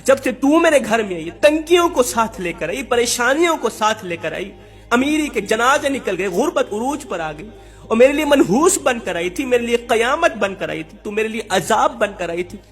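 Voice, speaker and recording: A man's voice: sits high, expressive, faint music behind. A man voicing a harsh, scolding husband. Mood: angry. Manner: shouting insults, repetitive blaming.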